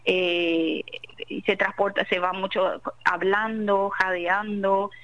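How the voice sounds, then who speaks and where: Measured woman doctor on dull radio. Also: mid-range voice, little pitch movement, a bit bright. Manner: measured, explanatory, frequent tag questions. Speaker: doctor, interview guest. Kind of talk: explanatory interview answers.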